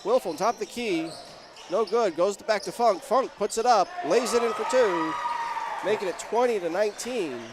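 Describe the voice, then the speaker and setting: A young man calling live high school basketball play-by-play, rising to shouts on big plays. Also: normal speed, heavy background noise. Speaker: play-by-play commentator. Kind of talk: live sports commentary.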